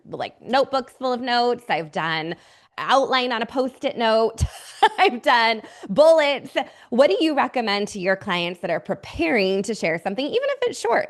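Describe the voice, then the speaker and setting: A woman with a medium-pitched voice hosts a conversational interview. She talks casually, thinking through her questions as she puts them to a guest. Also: a bit bright. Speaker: podcast host, interviewer.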